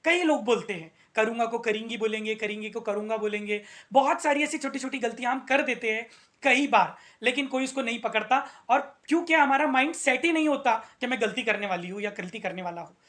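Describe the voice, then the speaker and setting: A man's voice: very high-pitched, fairly quick, fairly bright tone. A male English teacher giving a motivational video lesson, earnest, repeating his key points and asking rhetorical questions.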